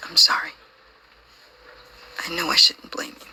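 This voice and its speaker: A woman playing a grieving, hurt and suspicious young daughter in a video game, breathy and creaky, with a raw, probing delivery. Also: unhurried, sharp tone, a little hiss or hum, low-quality recording. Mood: bitter. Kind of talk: video game dramatic acting.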